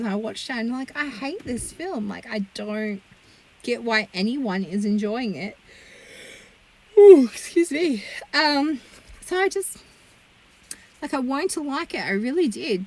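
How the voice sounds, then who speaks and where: A woman's voice: mid-range voice, fairly bright tone, rough recording. A woman reviewing movies in a casual, blunt rant, exasperated and swearing freely. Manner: chatty with frequent fillers.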